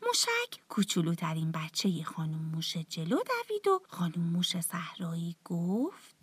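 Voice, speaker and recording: A woman telling a bedtime story to children in a soft, often half-whispered, tender voice. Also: fairly low pitch, lively intonation, slightly rough, dry recording.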